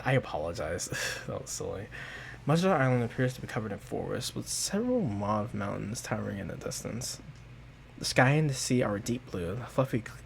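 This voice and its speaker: Expressive man narrating a tabletop game. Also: mid-range voice, creaky, a little hiss or hum. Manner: expressive second-person storytelling. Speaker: game master.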